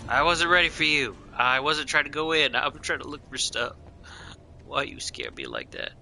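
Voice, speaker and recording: A man's voice: on the high side, moderate pace, vocal fry. A man streaming a game with casual, folksy commentary, talking to himself and to the game as he plays. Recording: loud game noise behind voice.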